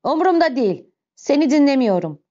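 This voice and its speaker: A woman's voice: medium pitch, normal speed, darkish tone, dull audio, natural voice. A woman voicing a harsh, merciless middle-aged male police inspector who barks and mocks with open contempt. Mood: mocking. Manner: barking, contemptuous.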